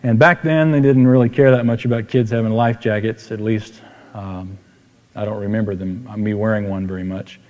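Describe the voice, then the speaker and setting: A man's voice: on the low side, steady tone, normal speed, darkish tone, highs cut off. Folksy male preacher in an echoing hall. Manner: folksy, conversational, with repeated phrases for emphasis. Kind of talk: sermon with personal storytelling. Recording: reverberant hall.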